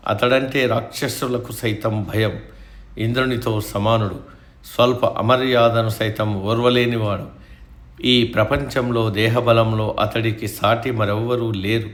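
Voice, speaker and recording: A man's voice: medium pitch, fairly even intonation, unhurried, echoey room, lightly acted. A man voicing a grieving, stubborn eldest king who wagers his brothers, in a storybook reading. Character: grieving proud eldest king, desperate gambler.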